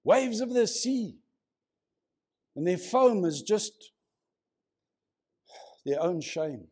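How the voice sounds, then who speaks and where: High-voiced preacher. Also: male voice, very animated, very slow, darkish tone, slightly rough. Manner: conversational, prods the congregation with questions. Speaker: pastor. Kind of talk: lively preaching sermon. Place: church, before a congregation.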